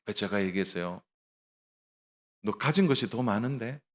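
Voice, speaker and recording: A man's voice: lowish voice, expressive, normal speed. A middle-aged male pastor giving a Sunday sermon, telling a story with acted dialogue and addressing the congregation directly.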